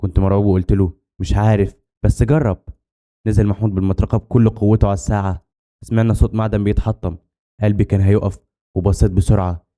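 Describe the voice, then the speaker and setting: Very fast, dark-voiced Egyptian narrator. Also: male voice, fairly low pitch, little pitch movement. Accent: Egyptian Arabic. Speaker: horror story narrator. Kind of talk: scripted first-person horror narration.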